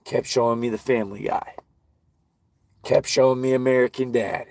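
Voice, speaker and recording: A man's voice: mid-range voice, fairly even intonation, moderate pace, a little mellow, no room sound. A man ranting and swearing constantly while walking outdoors in a park, vlogging. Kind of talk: profane outdoor rant.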